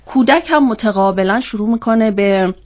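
A woman's voice: mid-range voice, a little mellow. A woman with a cold and a congested, stuffy-nosed voice, explaining step by step as a guest expert on a panel. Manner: throat-clearing, explains step by step with rhetorical questions. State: has a cold. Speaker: psychologist guest on a panel discussion.

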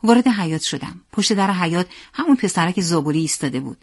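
A woman narrating a story in a steady, plain reading voice. Her pitch sits in the middle for a woman, and she keeps an even storytelling pace. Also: slightly rough, no echo, studio quality.

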